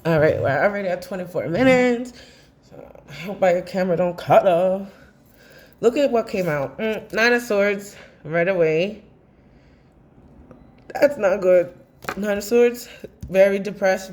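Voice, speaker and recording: A woman's voice: medium pitch, a little slow, long pauses, darkish tone. A woman reads tarot straight to camera in a loose, rambling monologue. She is blunt and impassioned, and she swears freely. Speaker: tarot reader. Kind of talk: casual tarot reading monologue.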